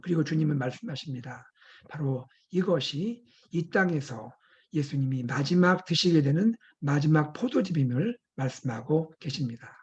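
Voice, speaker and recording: A male pastor preaching an earnest devotional sermon, asking rhetorical questions and letting his voice drop soft at phrase ends. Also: a little high, lively intonation, normal speed, slightly rough, dull audio. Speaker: senior pastor.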